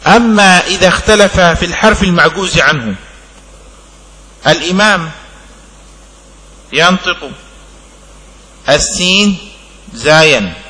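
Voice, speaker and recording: A man teaching a religious law text in a classroom lesson, speaking in slow, broken-up phrases and checking understanding with short questions. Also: high-pitched, expressive, pushed and bright, big-room sound, low-quality recording. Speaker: sheikh teaching a fiqh text.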